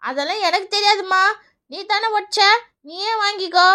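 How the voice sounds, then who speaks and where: Woman doing a lower-voiced old granny shopkeeper. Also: bright, forceful tone. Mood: scolding. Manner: bossy, scolds quickly. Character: elderly grandmother shopkeeper, scolding but kind. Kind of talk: children's cartoon voice acting.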